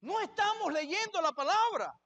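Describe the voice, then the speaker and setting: A man's voice: extremely high pitch, animated, normal speed, bright, forceful tone, lo-fi sound. A man preaching a sermon in a church as pastor, asking the congregation questions and answering them himself.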